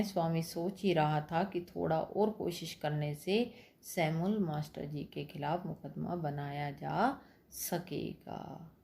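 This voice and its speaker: A woman's voice: low-pitched, vocal fry, mellow. A woman school teacher explaining a story lesson, who keeps speaking to the children and answering her own questions.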